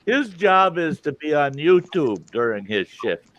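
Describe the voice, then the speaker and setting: A man in casual, joking chat with a bright, forceful voice. His pitch is lively and on the high side. The recording is dull, with faint noise. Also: a little slow, no room sound.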